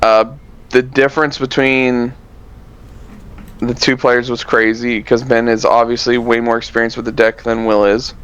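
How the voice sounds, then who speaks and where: A man's voice: mid-range voice, normal speed, clean tone. A man co-hosting a card game podcast, recapping tournament rounds in a loose, rambling way with lots of fillers. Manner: relaxed, rambling, many fillers and self-corrections. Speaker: podcast co-host.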